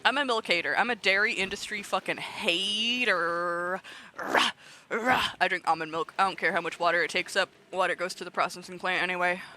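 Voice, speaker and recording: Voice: medium pitch, steady tone, brisk, hardly any pauses, sharp tone, slight background noise. A nonbinary streamer in their twenties chatting casually while gaming, swearing freely, laughing often and ranting with mock outrage. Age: 20s.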